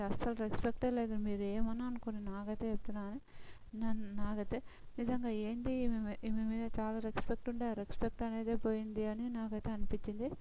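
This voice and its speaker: A woman gives a casual, exasperated recap of a reality show and acts out what the contestants said. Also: fairly high pitch. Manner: animated retelling, acts out quotes loudly, exasperated. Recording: dull lo-fi sound with clear noise.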